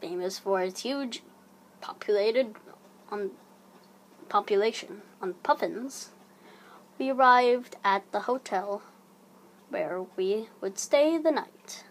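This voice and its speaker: Slow, hushed woman reading creeping horror. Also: medium pitch, animated, poor audio. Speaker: horror story narrator. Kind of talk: slow scripted creepypasta narration. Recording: audible background noise.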